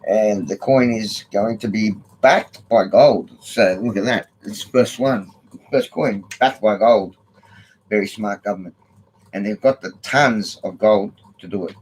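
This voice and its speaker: Older Australian man, missing front teeth, noisy recording. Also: lowish voice. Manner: blunt, sweary, matey. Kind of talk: casual rambling opinion vlog. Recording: noticeable background noise.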